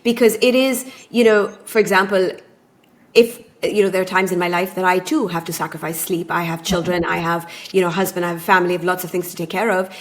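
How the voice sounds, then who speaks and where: A woman in her thirties, raised abroad, speaking as a podcast guest and relationship coach in a thoughtful, measured way. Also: on the low side, little pitch movement. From born in Taiwan, raised in Japan. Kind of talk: conversational podcast interview.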